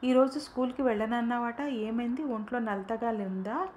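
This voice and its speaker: A woman reading the lines of a father who coaxes his young daughter, speaking softly and patiently in a storybook reading. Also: on the high side, normal speed, slight background noise, close to an everyday voice. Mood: coaxing. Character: loving but harried father, adult man.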